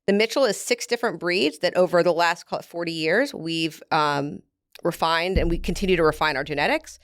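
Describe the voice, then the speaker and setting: A woman's voice: lowish voice, fairly quick, no room sound, clean studio sound. A woman guest from a beef producer, explaining things at length in a casual interview and laughing easily.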